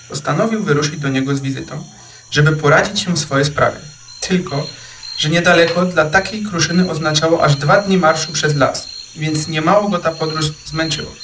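Guy reading a kids' story, gentle and expressive, bit far off, faint room hum. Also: a little high. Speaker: narrator. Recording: echoey room, off-mic, faint ambience.

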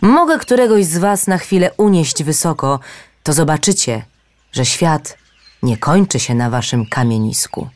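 A woman's voice: sits low, animated, a little slow, voice pushed up. A woman voicing a proud, touchy male bird of paradise in a storybook reading, talking indignantly and earnestly.

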